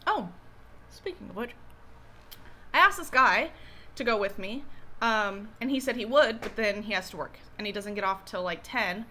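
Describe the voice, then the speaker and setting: A woman's voice: medium pitch, lively intonation, normal speed, pauses often, bright, forceful tone, slight background noise. A young woman co-hosting an eating vlog, chatting casually in a rambling, hesitant way full of fillers and restarts. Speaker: co-host. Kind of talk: casual chat while eating.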